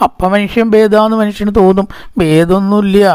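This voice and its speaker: A man, teaching verse recitation patiently. He breaks words apart and chants the verse lines slowly. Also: high voice, steady tone, a little mellow, clear, resonant tone, no echo. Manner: patient, repeats syllables slowly to correct pronunciation.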